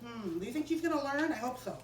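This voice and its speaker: A woman telling a story to children in a chapel, animated and asking them questions as she goes. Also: sits high, fast, echoey room, far from the mic, a little hiss or hum, rough recording. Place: chapel room.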